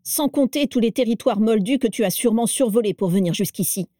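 A woman's voice: a little high, a little fast, mellow, no room sound, studio quality, close to an everyday voice. A woman voicing a cold, stern old wizard who scolds with disdain, read in an audiobook. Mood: scolding. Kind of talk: audiobook character reading.

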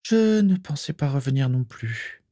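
Man doing a guarded wry witch, raised higher voice, dry and calm, close dry sound. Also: unhurried, no room sound.

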